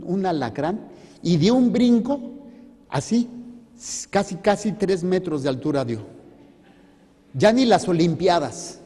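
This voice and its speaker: High-voiced priest preaching in a hall. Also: male voice, darkish tone, slightly rough. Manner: joking, asks the congregation questions. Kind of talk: sermon. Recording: reverberant hall.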